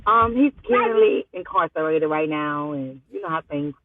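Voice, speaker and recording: Her voice sits low and is expressive, at a moderate pace, with a little hiss or hum on the line. She's a twenty-something caller from Louisiana in a parked car, talking casually, flustered and evasive, using slang, all through muffled, phone-like audio.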